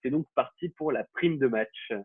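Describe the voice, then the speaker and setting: A man's voice: mid-range voice, moderate pace. A man hosting a casual football quiz, talking with many fillers and restarts. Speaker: quiz host. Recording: phone-like, husky, dry.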